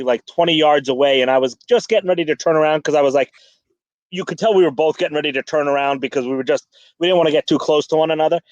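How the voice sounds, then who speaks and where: A man's voice: on the high side, no room sound. A man chatting casually on a fishing podcast, rambling with many restarts and fillers. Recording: dull lo-fi dry sound.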